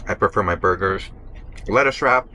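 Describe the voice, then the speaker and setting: A man's voice: low voice, normal speed, sharp tone, a little hiss or hum. Chatty young man vlogging over a burger. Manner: chatty, eating between sentences, talking with mouth full. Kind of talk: casual vlog talk to camera while eating. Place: burger restaurant.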